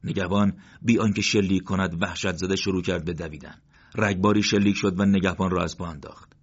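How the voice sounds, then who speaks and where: A man narrating a war story in a steady, measured reading. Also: low voice, slightly rough. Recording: dull lo-fi recording.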